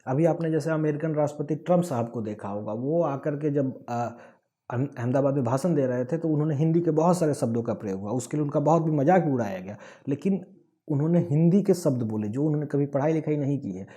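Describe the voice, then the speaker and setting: Very dark-voiced Bihari man explaining. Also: fairly high pitch, quick pace. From Bihar, India. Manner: earnest, points listed one by one. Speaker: speaker of a language-awareness movement. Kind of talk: explanatory talk.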